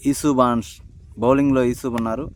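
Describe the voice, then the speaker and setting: A man with a Telugu Indian accent giving excited live ball-by-ball cricket commentary, full of exclamations. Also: medium pitch, quick pace, a little hiss or hum. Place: outdoors at a local cricket match.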